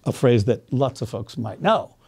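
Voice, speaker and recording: A man with a mellow, somewhat raspy voice chats as a guest dialect coach. He explains in a halting, thoughtful way, and the sound is very dry. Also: mid-range voice, animated, dry recording. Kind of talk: casual explanatory chat.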